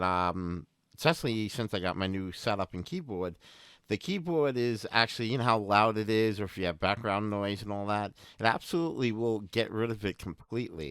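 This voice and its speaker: A man who hosts a tech and gaming channel gives an informal tutorial demonstration, talking directly to viewers and repeating his points. His voice is on the low side with a fairly bright tone and no echo.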